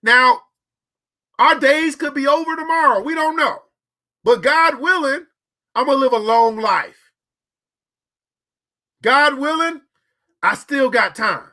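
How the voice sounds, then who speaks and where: This forties-aged podcast host speaks slowly with frequent pauses, his very high voice pushed and bright. He preaches motivation about money straight to the audience, repeating phrases for emphasis.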